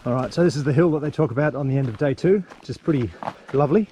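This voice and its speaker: A man's voice: medium pitch, racing, dark tone, muffled recording. A man narrating a casual travel vlog in a wry, understated but appreciative way. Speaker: travel vlogger. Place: mostly outdoors on a tour. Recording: outdoor handheld recording with ambient noise.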